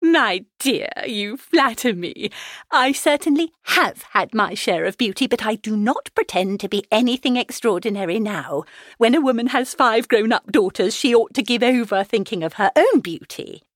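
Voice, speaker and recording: A woman voicing an excitable, nagging middle-aged wife and mother in a gushing, insistent, theatrical way for an audiobook. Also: on the high side, moderate pace, dry recording, clean studio sound. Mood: coy. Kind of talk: dramatised audiobook character reading.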